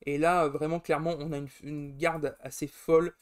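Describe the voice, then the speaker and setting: A man's voice: fairly high pitch, little pitch movement, moderate pace, clean tone. A man hosting a casual live-stream podcast, rambling enthusiastically with frequent fillers and self-corrections, grumbling now and then. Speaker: podcast host.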